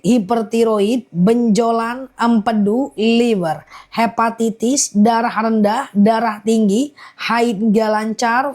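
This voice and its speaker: Woman, live-stream sales pitch, slightly high voice, repeats long lists, urgent seller patter. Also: dark tone. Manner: rattles off long repeated lists, urging viewers.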